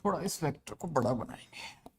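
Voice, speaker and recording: A man's voice: a little high, animated, fairly quick, a little mellow, a little hiss or hum. A young man teaching a physics class online, mixing Hindi and English and often asking the class questions.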